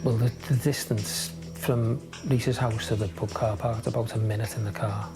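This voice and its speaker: Witness: coach, quiet, subdued telling, music under. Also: male voice, on the low side, steady tone, normal speed. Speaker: interviewee, football coach. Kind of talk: documentary interview recollection. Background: music score.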